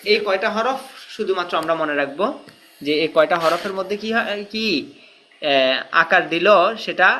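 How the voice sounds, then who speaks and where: A man with a bright, forceful voice teaches Quran reading. He chants letter-and-vowel drills in a steady rhythm and stops to explain with questions. A faint hum of the room runs under him. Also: a little high. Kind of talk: spelling drill lesson.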